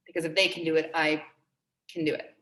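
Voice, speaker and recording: A woman's voice: sits low, little pitch movement, a little fast, a bit bright, reverberant. A woman in her twenties giving a motivational talk to her team, earnest and upbeat, repeating key phrases for emphasis. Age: 20s. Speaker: team trainer.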